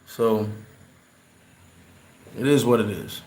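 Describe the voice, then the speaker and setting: A man's voice: lowish voice, takes it slowly, a little mellow. Casual chatty man in a roomy echo. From New York. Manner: loose, rambling, repeats words when heated. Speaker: livestream host answering chat. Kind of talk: casual livestream chat.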